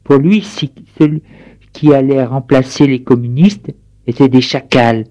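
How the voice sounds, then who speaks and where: A man voicing a young mother who speaks softly and somberly about her past. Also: mid-range voice, unhurried, muffled recording, lightly acted. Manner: soft, subdued.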